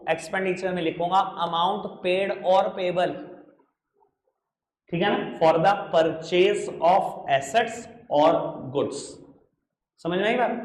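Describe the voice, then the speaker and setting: High-voiced, playful male accounts teacher. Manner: playful, coaxing, calls students affectionate nicknames. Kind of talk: classroom lecture. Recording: echoey room with faint noise.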